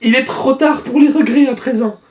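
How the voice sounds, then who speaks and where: A man voicing a clingy, lovestruck young fairy woman in a high put-on falsetto. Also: moderate pace, a little mellow, echoey room, recorded from a distance. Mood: possessive.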